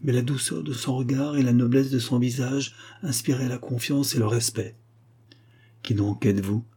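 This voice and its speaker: A man narrating a literary tale in a measured, dramatic reading. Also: mid-range voice, flat delivery, mellow, husky. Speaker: audiobook narrator.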